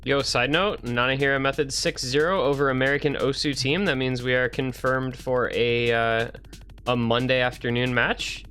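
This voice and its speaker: A young man doing casual esports commentary, teasing and quick to react. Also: mid-range voice, steady tone, pushed and bright, soft background music. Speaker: tournament commentator.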